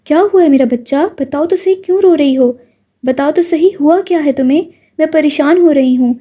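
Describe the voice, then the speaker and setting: A woman's voice: high-pitched, warm tone, natural voice. Woman voicing a caring worried young woman. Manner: worried, soothing.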